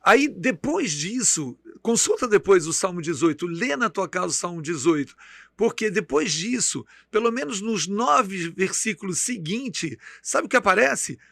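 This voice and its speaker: A man's voice: sits high, lively intonation, a little slow, gravelly, fairly bright tone, dry recording, clean studio sound. A middle-aged Brazilian man, a bishop hosting a church podcast, speaking emphatically in a preacherly way and quoting scripture. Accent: Brazilian Portuguese.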